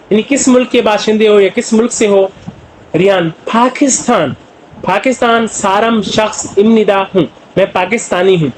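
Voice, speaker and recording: A man's voice: high-pitched, slight background noise, rough recording. A man with a Pakistani Urdu accent, teaching a language lesson. He translates word by word and leans on many fillers. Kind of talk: explanatory classroom lesson.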